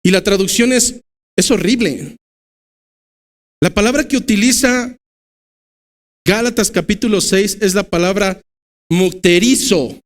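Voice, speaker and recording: A man with a Mexican Spanish accent preaching a sermon as pastor of a church, swinging between loud emphatic bursts and low, slow stresses.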